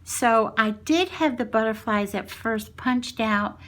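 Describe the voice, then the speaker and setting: A woman speaks at a slow, unhurried pace in the manner of a casual craft vlogger. She is chatty and affectionate, talking straight to her viewers as she shows off her work. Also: on the high side, fairly bright tone. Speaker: craft vlogger presenting a project share. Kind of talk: casual craft show-and-tell.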